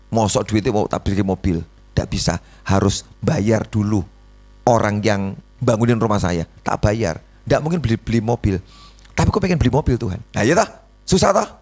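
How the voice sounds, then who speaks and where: A middle-aged man with a Javanese accent preaching a sermon, telling a story animatedly and often jumping into a high voice when he acts out dialogue. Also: animated, normal speed, darkish tone. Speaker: pastor.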